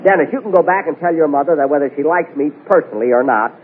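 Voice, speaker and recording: A man hosting a 1940s radio comedy, delivering his lines with indignant, deadpan comic timing, heard as an old AM radio broadcast. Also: on the high side, racing, narrow, tinny audio, slight background noise. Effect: old AM radio broadcast sound.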